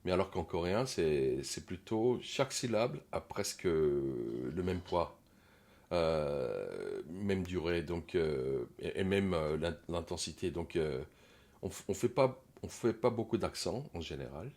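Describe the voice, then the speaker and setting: Man, very low voice, slow-paced, hesitant pronunciation coach, gentle critique, lots of pauses. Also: animated. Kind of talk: casual pronunciation lesson.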